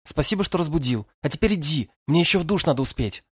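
A flustered, bossy young woman with a hissing, indignant voice pitched well above the reader's own, as a male narrator puts her on. She gives orders and pleads in an audiobook, over a dry, close sound. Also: expressive, fast, breathy edge, no room sound. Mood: pleading.

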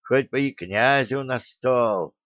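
A man's voice: mid-range voice, takes it slowly, fairly bright tone, no room sound. A man voicing a toothless, cheerful old male craftsman with a lisp and folksy rustic speech. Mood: hearty. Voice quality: lisping, toothless. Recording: dull dry recording.

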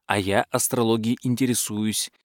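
A man's voice: lowish voice, steady tone, moderate pace, dry recording, clean studio sound, lightly acted. A man voicing a scheming, fawning male court butler who whines and pleads. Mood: wheedling. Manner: pleading, wheedling.

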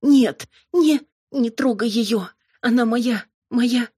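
A frightened young heroine from an audiobook, as a woman narrator plays her, pleading high and urgently. The voice is husky and the recording dry, right at the mic. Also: moderate pace, a little mellow, no echo. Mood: desperate.

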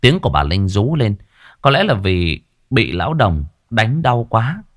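A man narrating a ghost story in a lively, dramatic way. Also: fairly low pitch, unhurried, no echo, clean studio sound.

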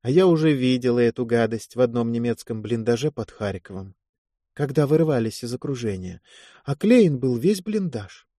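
A man voicing a self-assured woman army medic of about thirty who gently mocks the men around her. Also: medium pitch, expressive, normal speed, no echo, studio quality, close to an everyday voice. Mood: teasing.

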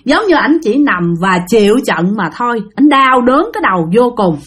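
A woman with a Southern Vietnamese accent telling a ghost story in a lively, dramatic way, speaking straight to her listeners. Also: fairly high pitch, normal speed, slightly rough.

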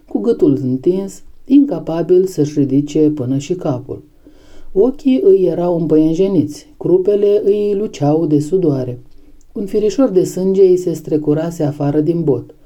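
Low, dark-voiced woman reading aloud. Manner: measured, steady reading. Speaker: audiobook narrator. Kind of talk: scripted audiobook narration.

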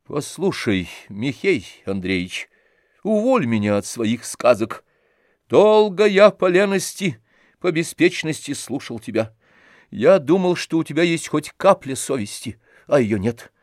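A man reading an audiobook, voicing a weary, aloof gentleman who answers coldly and curtly. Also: fairly high pitch, sing-song, unhurried, no echo, studio quality. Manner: cold, curt, detached.

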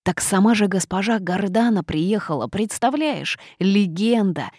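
A woman voicing an excited young male first-year student in a storybook reading, chattering eagerly and brushing off questions. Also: mid-range voice, a little slow, breathy edge, no echo, studio quality, pitched above the performer's own voice. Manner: eager, dismissive.

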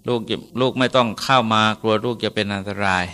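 A monk quoting old parents begging their son to flee. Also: male voice, lowish voice, steady tone, fast, pushed and bright, clean tone. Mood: pleading. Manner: pleading.

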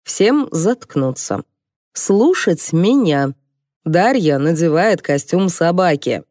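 A woman voicing an excitable, bossy male film director who shouts orders, reading an audiobook in a dry studio. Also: fairly low pitch, takes it slowly, no room sound. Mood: shouting. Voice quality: shouting, exasperated.

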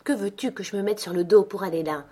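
A woman's voice: medium pitch, quick pace, dark tone, breathy edge, natural voice. A woman voicing a vain young wife who pleads plaintively for finery.

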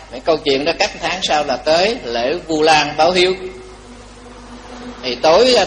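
A man's voice: a little high, a bit bright, rough recording. A man, a Buddhist monk giving a dharma talk, telling a story animatedly and teasing his audience with questions.

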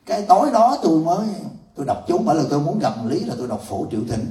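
A man's voice: fairly high pitch, very animated, rapid-fire, dark tone. A man, a Buddhist monk telling a story in an evening sermon, laughing often as he speaks. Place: temple hall. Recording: roomy hall from far off.

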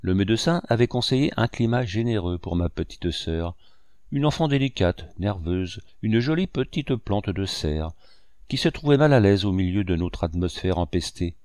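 A man's voice: lowish voice, animated, moderate pace, a little mellow, dry recording, studio quality, natural voice. A man voicing a worldly, jovial count who banters and teases in a storybook reading.

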